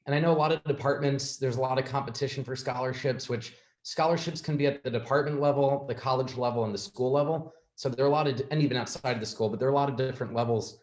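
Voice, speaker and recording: A man on an alumni panel, recalling his student years in a measured way with small hesitations. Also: mid-range voice, darkish tone. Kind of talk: reflective panel talk. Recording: echoey room.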